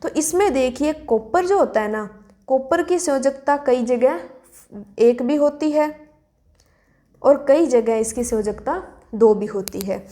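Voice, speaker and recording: Female teacher, warm and a little high-pitched, walking students through formulas step by step. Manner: asks questions and answers them herself, slows to spell out formulas. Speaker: chemistry teacher. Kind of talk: classroom lesson explanation.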